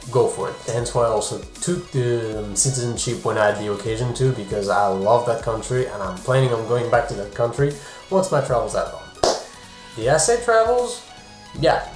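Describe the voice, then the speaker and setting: A man's voice: medium pitch, echoey room. A man from France, a travel vlogger and photographer, talking casually to the camera in a chatty way, breaking off for joking asides. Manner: chatty, self-interrupting, jokey asides.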